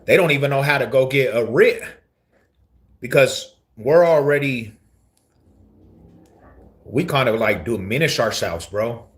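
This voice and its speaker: A man's voice: medium pitch, measured pace, long pauses. A man in his forties telling his story on a casual live stream, slangy and repeating himself, calling the listener bro. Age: 40s.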